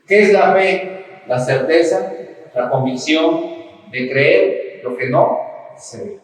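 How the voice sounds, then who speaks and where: A man from Mexico preaches a sermon in a church hall, his fairly high voice lifting into fervent emphasis. The sound carries strong echo from the room. He stands some way back from the microphone. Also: takes it slowly. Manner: impassioned preaching, rising to shouts in quoted cries. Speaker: pastor. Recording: echoey church hall, mic at a distance.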